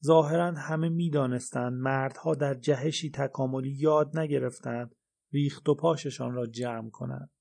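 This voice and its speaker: A male narrator reads a novel aloud in the first person with a wry, dry delivery. His voice has a gravelly, creaky texture at a middle pitch. It has the steady feel of a recorded audiobook.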